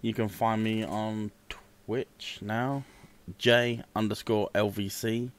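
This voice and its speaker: A man's voice: lowish voice, flat delivery, takes it slowly, smooth. Blunt British guy, chatty podcast host. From Britain. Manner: blunt, swears freely. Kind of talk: casual podcast chat.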